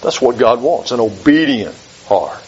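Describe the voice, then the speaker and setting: A man preaching a sermon in a measured, emphatic way, repeating key phrases for weight. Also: mid-range voice, expressive, slightly rough. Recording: dull lo-fi recording.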